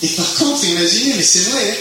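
Italian man with an accent, non-native French, self-deprecating public talk; raised pitch, booming reverb, clear noise behind. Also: expressive, a little fast. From Italy. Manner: self-mocking, chatty, slightly broken French. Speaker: physician guest speaker. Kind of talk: public talk to a youth group. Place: large tent at a youth camp. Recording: echoey tent with clear background noise.

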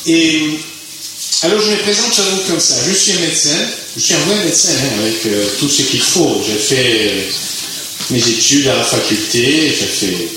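A man's voice: on the high side, moderate pace. A man from Italy speaking French with an Italian accent, giving a chatty, self-mocking talk to a youth group. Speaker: physician guest speaker. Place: large tent at a youth camp. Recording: echoey tent with clear background noise.

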